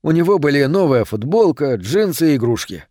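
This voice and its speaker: A man reading an audiobook in a steady, measured narration. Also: on the high side, no room sound, studio quality. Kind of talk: scripted narration.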